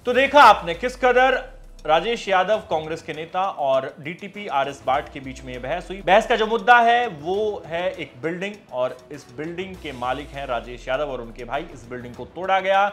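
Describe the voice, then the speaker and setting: A man hosting a news show, narrating a report in an energetic, emphatic way. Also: a little high, moderate pace, faint music behind.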